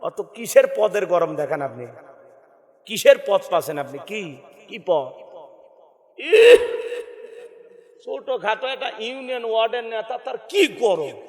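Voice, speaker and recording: A man preaching a lively storytelling sermon, acting out characters and scolding the crowd. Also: sits high, a little slow, long pauses. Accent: northern Bangladeshi Bengali dialect. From Bangladesh. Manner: theatrical, acts out characters with shouted lines, scolds the crowd. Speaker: Islamic preacher. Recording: echoey hall-like PA sound.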